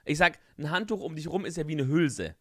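A young man with a very bright, slightly high voice jokes and reacts in casual podcast banter. His talk is slangy and teasing. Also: brisk. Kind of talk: casual chat.

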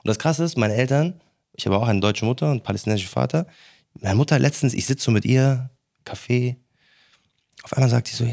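A young adult man hosting a podcast, talking in a lively, slangy casual chat. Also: mid-range voice, quick pace, creaky, pauses often. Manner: lively, laughs often, slangy. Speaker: podcast host.

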